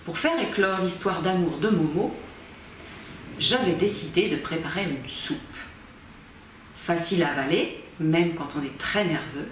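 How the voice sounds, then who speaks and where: In a small library corner, a woman in her fifties volunteers as an amateur reader and performs a novel theatrically, her lowish voice measured and expressive. A camera some distance away captured it indoors; the space is very echoey, with faint noise in the background.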